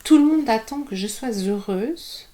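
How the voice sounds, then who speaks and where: A middle-aged woman, a guest author telling her story in a candid podcast conversation, animated and self-mocking. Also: fairly high pitch, measured pace. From Belgium.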